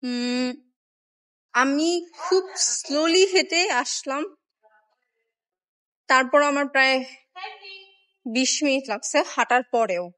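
A woman's voice: high-pitched, slow, pauses often, fairly bright tone. A young woman, chatting casually and wryly as she films a travel vlog on a phone held at arm's length in a glass skywalk. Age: young adult. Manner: chatty, wry, self-mocking about being lazy. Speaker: travel vlogger. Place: indoor glass skywalk with moving walkways.

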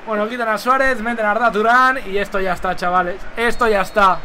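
A young man from giving excitable live commentary while playing a football video game, chatting with viewers. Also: high-pitched, quick pace. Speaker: gaming streamer.

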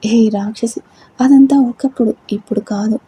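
A woman doing a charming young husband in a told love story, breezy and teasing. The voice is husky and breathy, mellow and a bit high for a man. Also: steady tone, moderate pace, rough recording. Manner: casual, teasing.

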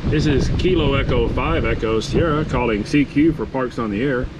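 A man's voice: mid-range voice, normal speed. A courteous man working as an amateur radio operator, calling and repeating phonetic call signs outdoors. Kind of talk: radio contest-style calling, phonetic spelling. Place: outdoors at a campsite table. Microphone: camera on the table beside the radio. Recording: clear steady outdoor background noise.

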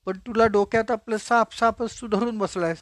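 A calm, steady friend who soothes and insists by turns, played by a male storyteller. The voice sits somewhat high and is recorded dry and close. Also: moderate pace, no echo, close to an everyday voice. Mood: insistent. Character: calm reassuring man, the watching friend.

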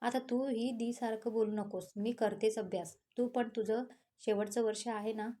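A woman reading the lines of a talkative, defensive young woman in a storybook tale, protesting quickly. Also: a little high, steady tone, warm tone, natural voice. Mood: flustered.

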